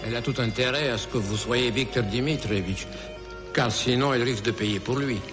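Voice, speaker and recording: A menacing Soviet interrogator, voiced by an actor, slow and threatening, his voice ringing with a long reverb. Loud score music swells behind him. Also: mid-range voice, natural voice. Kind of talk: 1980s television drama acting.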